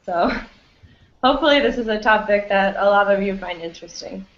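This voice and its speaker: Teaching English online, a friendly woman from the United States fills her speech with "um" and "you know." She talks at medium pitch and a moderate pace, and the audio is echoey and dull, lo-fi.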